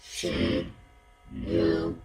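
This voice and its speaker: Short film: a hostile robot voice, very slow and ominous, heard from afar. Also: male voice, sits low, gravelly, exaggerated voice. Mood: menacing. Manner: slow, flat, ominous declarations. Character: cold menacing machine that has turned on humans. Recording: echoey distant voice over loud music.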